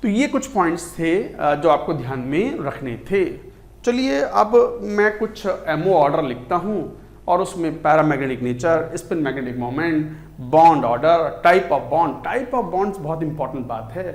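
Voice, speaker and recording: A man's voice: fairly high pitch, expressive, unhurried, roomy sound. A man with an Indian accent teaching chemistry in a lecture, counting aloud as he writes on the board. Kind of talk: classroom lecture mixing Hindi and English.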